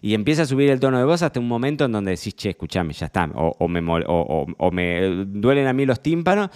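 A man with an Argentine accent, a sommelier hosting a podcast, talking loudly and casually, joking and restarting his sentences. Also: mid-range voice, sing-song, fast, clean tone. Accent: Argentine Spanish. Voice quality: talks fairly loud. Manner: chatty, joking, lots of fillers and restarts.

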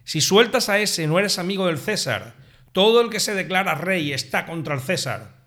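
Angry crowd yelling their demands, a man reading it out, loud insistent calls, higher pitch. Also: lively intonation, a little fast.

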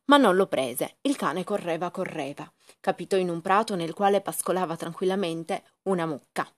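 A woman narrating a children's story in a soft, hushed storytelling manner. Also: lowish voice, normal speed, dry recording.

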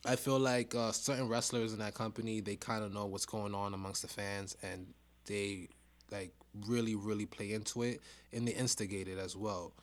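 A man's voice: fairly low pitch, little pitch movement, normal speed. A man hosting a casual fan podcast from his home basement, talking bluntly and informally with some swearing. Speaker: podcast host. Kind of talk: casual, profane fan discussion.

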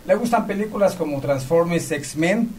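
A fairly high-voiced man presents a live event as its host, effusive and courteous. He is recorded at some distance from the microphone, with faint noise in the room. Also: animated, normal speed, darkish tone. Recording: distant mic, noisy room ambience.

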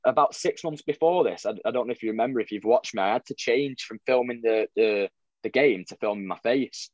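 Quick-talking young man. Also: mid-range voice, no echo, dull audio. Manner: rambling storyteller with many restarts and fillers. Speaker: football fan vlogger, guest. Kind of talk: casual podcast chat.

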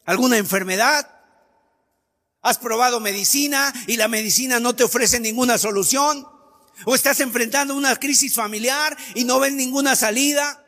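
A man's voice: extremely high pitch, normal speed, bright, forceful tone, big-room sound. A man preaching a sermon, emphatic, asking many rhetorical questions and acting out the voices he quotes.

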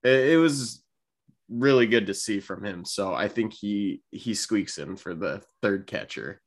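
A man's voice: lowish voice, a little slow. A man co-hosting a podcast, chatting casually about baseball in a laid-back, filler-heavy way. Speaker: podcast co-host. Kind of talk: casual sports chat.

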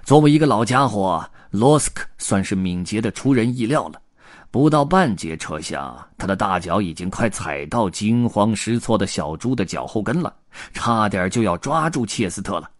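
A man reading a children's story aloud, expressive and voicing the characters. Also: lowish voice, moderate pace, dry recording, clean studio sound.

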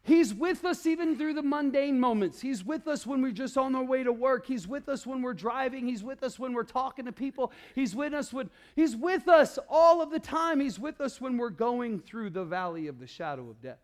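High-voiced man preaching a sermon. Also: lively intonation, normal speed, few pauses. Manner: preaching with strong swings between loud and hushed; calls out to the congregation. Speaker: pastor.

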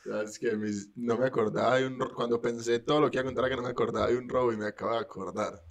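A man's voice: medium pitch, steady tone, quick pace, creaky. A young man, co-hosting a casual chat and telling a rambling, joking anecdote full of slang.

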